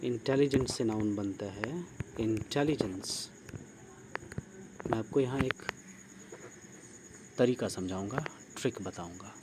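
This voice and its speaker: Male grammar teacher, slow deliberate delivery, crickets chirping steadily behind. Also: lowish voice, heavy background noise. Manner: slow, deliberate, spells words out letter by letter; asks the class questions and praises answers. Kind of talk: online grammar lesson.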